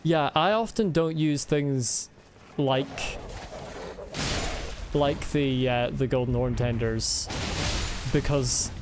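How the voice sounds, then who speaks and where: A man's voice: mid-range voice, slow, long pauses, noisy background. A man giving playful, chatty commentary while playing a video game, yelping whenever he gets hit. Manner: playful, chatty, yelps at hits. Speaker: gaming channel host. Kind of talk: let's-play commentary. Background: game music.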